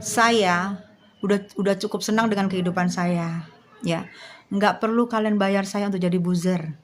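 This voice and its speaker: A woman's voice: mid-range voice, fairly even intonation, normal speed, a little hiss or hum. A woman, livestreaming and talking bluntly and directly to her viewers. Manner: blunt, slangy, speaks straight to her viewers. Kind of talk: live stream chat.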